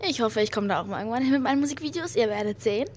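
A young German woman hosting a podcast in casual slang sprinkled with English, gushing with giddy, girlish excitement. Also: a little high, very fast. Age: young adult. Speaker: podcast host. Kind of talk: casual chatty pop-music podcast with youth slang and English phrases. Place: hotel lobby. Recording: clearly noisy room ambience.

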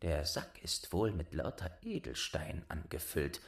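A man voicing a sly, greedy male innkeeper in a fairy tale reading, murmuring low and hushed as he schemes. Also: sing-song, measured pace, vocal fry, exaggerated voice. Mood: scheming.

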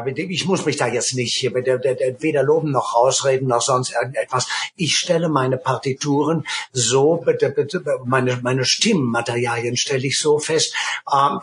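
A man's voice: medium pitch, a bit bright. A middle-aged man, a conductor and violinist, speaking emphatically in an interview, digressing and humming musical phrases. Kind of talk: interview conversation.

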